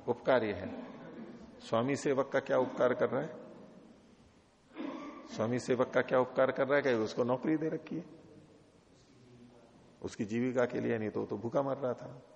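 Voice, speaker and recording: A man with a gravelly, rough-edged voice teaches a scripture class, reading lines slowly and then explaining them plainly with questions to his students. The recording sounds dull and muffled, with a long echo from a big hall. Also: mid-range voice. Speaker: Vedanta teacher. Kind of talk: scriptural lecture.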